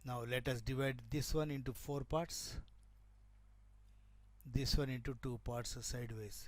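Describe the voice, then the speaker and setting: A man's voice: mid-range voice, fairly even intonation, extremely slow, no echo. A man teaching shorthand, explaining each stroke step by step as he draws and checking that students follow. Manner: explains step by step while drawing, repeating terms and checking with "right?". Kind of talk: classroom lesson, mixing Telugu and English.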